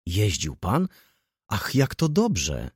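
A man's voice: sits low, sing-song, moderate pace, warm tone, no echo, clean studio sound. A man voicing a naive, curious young woman asking eager questions in an audiobook.

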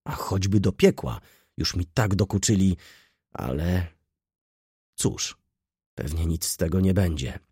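A man's voice: deep voice, animated, measured pace, pauses often, dark tone, husky, dry recording, clean studio sound, exaggerated voice. A man voicing a cynical, poor nineteen-year-old girl who talks in a pert, mocking, argumentative way. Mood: brash, chatty.

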